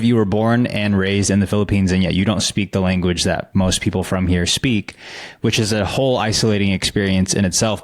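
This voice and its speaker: A man hosting a podcast interview, sharing his thoughts earnestly with halting restarts before asking a question. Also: fairly low pitch. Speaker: podcast host.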